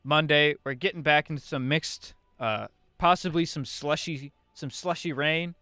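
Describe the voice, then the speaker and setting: Playful, halting young man co-hosting radio. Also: on the high side, fairly even intonation, sharp tone, dry recording. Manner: playful, halting with many fillers and restarts. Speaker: radio show co-host. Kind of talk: comedic radio talk show.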